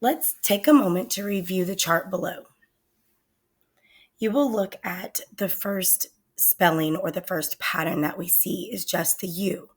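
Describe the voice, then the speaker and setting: This female teacher has a lowish, slightly husky voice with a gravelly edge. She works through a spelling lesson slowly and carefully, pronouncing words deliberately so her students can follow.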